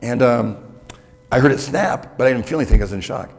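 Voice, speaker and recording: An older keynote speaker with a gravelly edge addresses a conference audience at a middle pitch, expressive and fast, candid and conversational. He frequently checks in with the room by asking "okay?", and his voice rings with the long reverb of a hotel conference hall.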